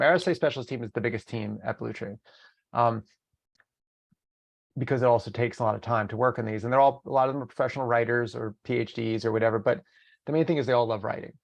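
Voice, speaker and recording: A man's voice: mid-range voice, creaky. A man with a Southern California accent, a college prep counselor giving a casual, chatty talk to parents, full of fillers and little stories. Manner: chatty, storytelling, many fillers and restarts. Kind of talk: casual open-house presentation.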